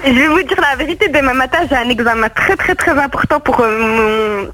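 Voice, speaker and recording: High-voiced young woman calling a radio show. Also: moderate pace, a bit bright. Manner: hesitant, with many fillers. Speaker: caller. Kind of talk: radio call-in chat.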